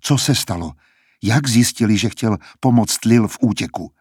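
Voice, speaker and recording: A man's voice: on the low side, a little mellow, breathy edge, dry recording, clean studio sound. A man reading aloud, voicing a frightened young woman singer who is anxious and pleading. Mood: worried.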